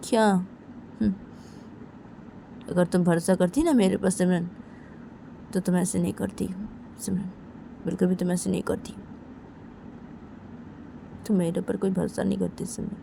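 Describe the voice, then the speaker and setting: A woman's voice: on the low side, gravelly, noisy background. A woman voicing a young woman who speaks in repetitive, coaxing phrases. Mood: hurt. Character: young woman Sunaina, hurt then reassuring.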